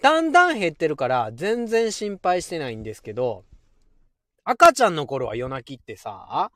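A man's voice: fairly high pitch, wildly swooping pitch, normal speed, a bit bright, no echo, clean studio sound. A man in his forties with a Kansai accent, hosting a casual solo podcast, chatty and often laughing. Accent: Kansai Japanese. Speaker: podcast host.

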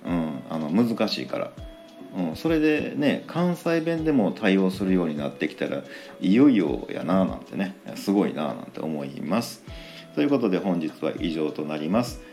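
A man with a very deep voice and a Kansai accent, chatting alone as a show host. He rambles and fills gaps with lots of fillers, and his pitch swings widely. Faint music runs under his talk. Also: big pitch swings, moderate pace, darkish tone. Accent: Kansai Japanese. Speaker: podcast host. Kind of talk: casual solo chat.

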